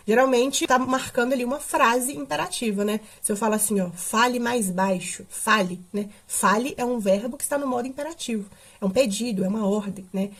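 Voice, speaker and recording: A woman teacher, explaining a grammar lesson step by step and often adding checking questions. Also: on the high side. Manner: explanatory, with frequent tag questions.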